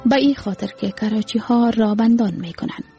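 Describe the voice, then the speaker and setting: A woman's voice: on the high side, faint music behind, natural voice. A woman voicing a tired, proud old banana seller with an Afghan Dari accent. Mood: weary. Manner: weary, gentle, street-hawker calls.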